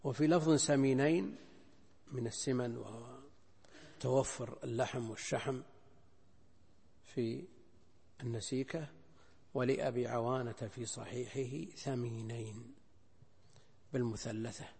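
An older man lectures on a classical text, slowly weighing alternatives and repeating his points. His voice is a little husky. The sound carries the long reverb of a large hall. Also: mid-range voice, steady tone, darkish tone. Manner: deliberate, repeats phrases and weighs options aloud. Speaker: Islamic scholar teaching hadith. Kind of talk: recorded lecture explaining a hadith text.

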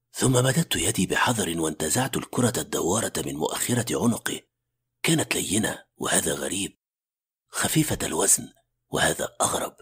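A man's voice: low-pitched, a bit bright, husky, exaggerated voice. A man playing an anxious, analytical male doctor who narrates a radio horror story in a suspenseful, formal literary manner. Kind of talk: dramatic first-person radio story narration. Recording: faint music under the voice. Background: faint background music.

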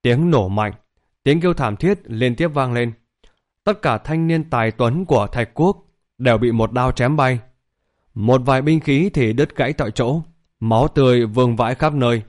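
A man reading a fantasy novel aloud as an audiobook narrator, in a steady, even pace. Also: medium pitch, normal speed. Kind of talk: scripted story narration.

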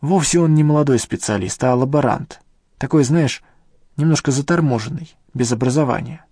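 Voicing an elderly male professor in an audiobook, a man delivers the character's grumbling, rueful complaints in a defensive manner, lifting his pitch above his usual reading voice. The tone is darkish and slightly rough at a normal speed, with clean studio sound and no room sound.

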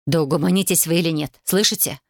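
Stern middle-aged mother, read by a woman; low, firm, dry. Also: fast, gravelly, dry recording. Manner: scolding, commanding.

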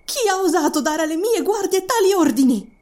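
A woman voicing a frightened, indignant young queen in an audiobook, speaking in shrill, panicked cries and stammers. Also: animated, a little fast, mellow. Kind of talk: audiobook voice acting.

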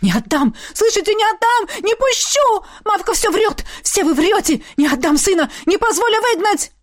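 A woman reading an audiobook voices a shrill, quarrelsome mother who shrieks frantically. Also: sing-song, normal speed. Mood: frantic. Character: hysterical middle-aged mother, shrill and quarrelsome.

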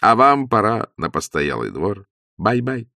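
A man reading an audiobook, voicing a charming, scheming male adventurer in a smooth, ironic, self-assured manner. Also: on the low side, sing-song, measured pace, bright, forceful tone, dry recording, heavily acted.

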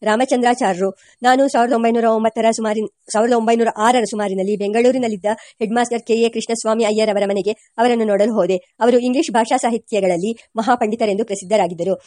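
A woman reading a memoir aloud as an audiobook narrator, steady, with occasional slips and self-corrections. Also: on the high side, fast, no echo, studio quality.

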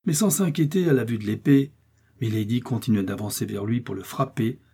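A man narrating a classic novel aloud, expressive and rising with the action. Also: mid-range voice, fairly quick, breathy edge. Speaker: audiobook narrator. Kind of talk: dramatic novel reading.

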